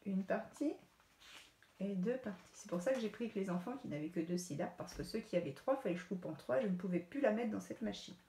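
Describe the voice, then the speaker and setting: A French woman teacher speaks slowly and clearly to young children, repeating each step. Her voice is mellow and dark. The room echoes, with faint noise behind her. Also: medium pitch, expressive. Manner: slow, clear, repetitive teacher talk to children. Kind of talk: recorded lesson for young pupils.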